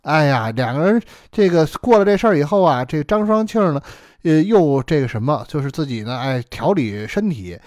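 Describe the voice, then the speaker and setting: A man telling a traditional story in a lively, chatty way with many fillers. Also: fairly high pitch, a little fast, dry recording, clean studio sound.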